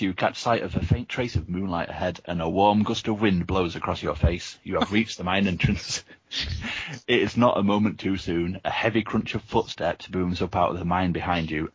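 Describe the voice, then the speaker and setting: A man's voice: sits low, breathy edge, no room sound, muffled recording. A man reading a gamebook aloud to friends on a podcast, chuckling through the story. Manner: reads the story with chuckles and asides.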